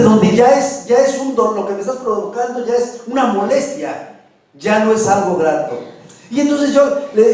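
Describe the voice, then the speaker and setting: A man's voice: extremely high pitch, darkish tone. A man with a Mexican accent preaching a sermon in a conversational way, repeating words and asking the audience questions. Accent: Mexican Spanish. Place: church hall. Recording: very echoey church hall, voice far off.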